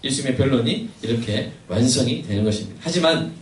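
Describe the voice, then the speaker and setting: A male pastor preaching a lively sermon, often asking his congregation questions. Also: mid-range voice, fast, slight background noise. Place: church sanctuary. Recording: echoey church from a distance.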